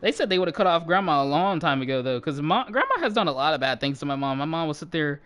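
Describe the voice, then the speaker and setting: A man's voice: on the high side, quick pace, faint music behind. A young man casually telling a family story while he plays a game, laughing and swearing as he goes. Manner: animated, swears freely, laughs mid-story. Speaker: channel host.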